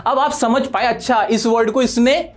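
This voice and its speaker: A man's voice: extremely high pitch, steady tone, moderate pace, soft background music. A man teaching a spoken language lesson, asking the viewer questions and answering them himself in an encouraging tone. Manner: encouraging, direct address to learners. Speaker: English teacher.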